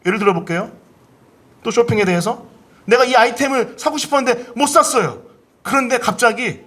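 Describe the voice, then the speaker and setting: A man with a high, husky voice preaches a Sunday sermon in a lively way. He acts out people's inner thoughts with big leaps up and down in pitch. He stops often to have the congregation repeat key phrases back to him. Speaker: pastor. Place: church service.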